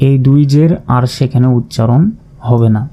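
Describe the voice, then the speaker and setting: A man teaching Quran recitation in a slow, methodical lesson, spelling out letters and vowel marks, then drawing out each word. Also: mid-range voice, fairly even intonation, warm tone. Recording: dull lo-fi recording.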